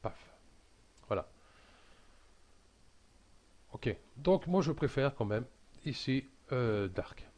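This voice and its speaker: A man talking through a casual software tutorial, hesitant and full of fillers and restarts. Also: mid-range voice, expressive, extremely slow, long pauses.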